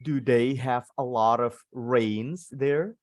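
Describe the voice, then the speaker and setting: A man with an Indonesian accent speaks slowly at medium pitch, recorded dry with studio quality. He's teaching a casual live English class, switching between two languages, repeating words and phrases and explaining things encouragingly.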